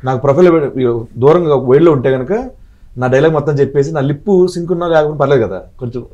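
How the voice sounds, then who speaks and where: A man's voice: a little high, quick pace, highs cut off. A man being interviewed as an actor, chatting casually and acting out scenes from his shoots as he tells them. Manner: animated storyteller acting out on-set dialogue.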